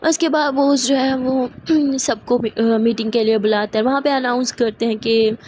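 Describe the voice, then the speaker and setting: A woman's voice: fairly high pitch, steady tone, moderate pace, a little mellow, a little hiss or hum. A woman narrating a love story in a chatty, casual storytelling way. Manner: chatty, mixes in English phrases.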